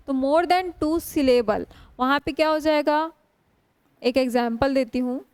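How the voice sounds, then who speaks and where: Woman teacher, high voice, drags out english words slowly, keeps asking the class questions. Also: darkish tone, no echo. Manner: slow, drawn-out spelling of English words; frequent rhetorical questions to students. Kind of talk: classroom lecture.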